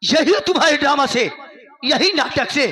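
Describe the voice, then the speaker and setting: A man's voice: very high-pitched, animated, normal speed, heavily acted. A man playing a proud, angry young son who leaves home, declaiming in a folk stage play. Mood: defiant. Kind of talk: live folk stage theatre. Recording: stage with loud music behind.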